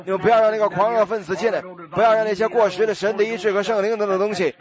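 A man's voice: high voice, steady tone, very fast, a crowd in the background, close to an everyday voice. A man voicing a scheming male devil who rallies his agents in a dismissive tone.

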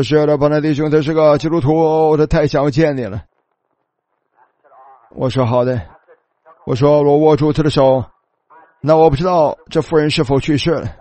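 A man's voice: mid-range voice, mellow, dry recording. A man preaching, telling a long story in his sermon and filling his speech with many small filler words.

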